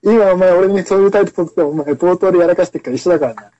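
A man co-hosting a casual chat show, answering back quickly and defensively. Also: high voice, dark tone, highs cut off. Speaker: podcast co-host. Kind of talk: casual banter among friends.

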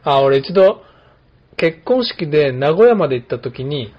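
A man's voice: fairly high pitch, measured pace. A man in his late fifties from Kumamoto, hosting a casual chat and telling stories with many fillers. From Kumamoto, Japan. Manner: relaxed storytelling with many fillers. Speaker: podcast host, barber. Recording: slightly dull lo-fi audio.

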